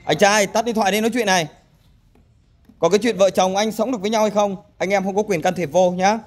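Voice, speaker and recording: A man acting as mediator, speaking loudly in a firm, commanding way. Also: sits high, steady tone, fast talker.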